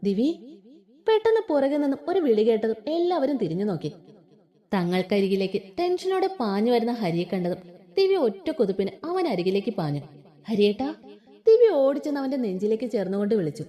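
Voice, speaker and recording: A woman narrates a romance story in a fairly high, mellow voice. Her delivery is expressive and lilting, with wide swings in pitch. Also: fast. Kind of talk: reading a romance story aloud.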